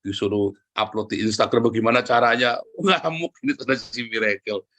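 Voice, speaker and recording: A man preaching a sermon, lively and joking, often turning to address the congregation directly. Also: on the low side, fairly quick. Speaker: pastor.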